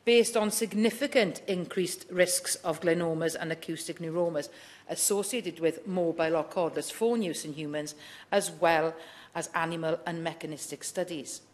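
A woman's voice: fairly low pitch, moderate pace. A middle-aged woman, speaking as a member of parliament in a chamber debate, reading prepared remarks firmly and earnestly. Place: large wood-panelled debating chamber.

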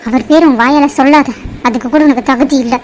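A woman's voice: sits high, fairly even intonation, a little fast, a little mellow, slight background noise, natural voice, low-quality recording. A woman voicing a heartbroken, furious young bride who lashes out with bitter accusations in a cartoon drama.

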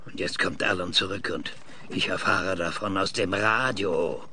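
Bright, forceful older professor. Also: male voice, deep voice, steady tone, a little slow, a little hiss or hum, full character voice. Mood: indignant. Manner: indignant, blustering. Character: irascible older professor, sidelined space mission trainer. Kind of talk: German audio drama acting.

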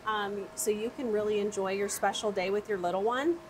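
A woman's voice: mid-range voice, fairly even intonation, a little fast, rough recording. A woman, the director of a children's museum, explaining its play areas in an upbeat interview with frequent fillers. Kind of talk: casual interview. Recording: audible background noise.

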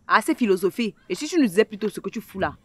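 A woman's voice: medium pitch, sing-song, a bit bright. A woman playing a bossy, practical young sister who pushes others to act. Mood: pushy. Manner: brisk, pushy.

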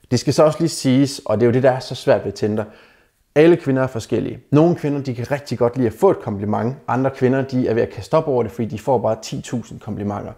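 A man's voice: medium pitch, vocal fry, warm tone. A man giving casual dating advice to the camera, bluntly mocking the messages he critiques and calling his viewers guys. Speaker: dating advice video maker.

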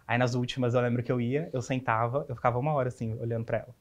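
This guest, a Brazilian Portuguese-accented man in his twenties, talks very fast in a mid-range voice with a level tone. He opens up sincerely about his life in a personal interview, restarting his thoughts often.

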